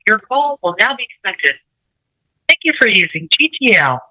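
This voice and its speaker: A woman's recorded voice giving a brisk, scripted automated announcement, heard over a phone line. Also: medium pitch, big pitch swings, pushed and bright, no room sound. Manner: brisk, scripted prompt delivery.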